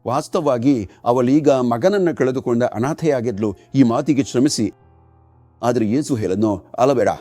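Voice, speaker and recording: A man's voice: medium pitch, moderate pace, dark tone, soft background music. A man delivering a dubbed sermon voice-over in an earnest preaching manner. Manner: earnest preaching, repeated commands.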